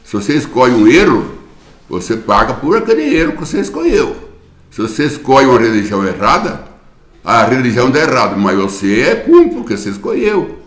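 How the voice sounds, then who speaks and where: A man's voice: medium pitch, very animated, brisk, roomy sound. A man with a Brazilian Portuguese accent preaching a sermon in church, repeating phrases for emphasis and calling his listeners brother. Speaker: pastor.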